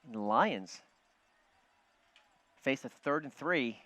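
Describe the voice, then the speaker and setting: A man calling live football play-by-play from a broadcast booth, quick and chatty, joking with his partner. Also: medium pitch, expressive, sharp tone, no echo. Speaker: play-by-play announcer. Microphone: broadcast booth headset. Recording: dull, muffled broadcast audio.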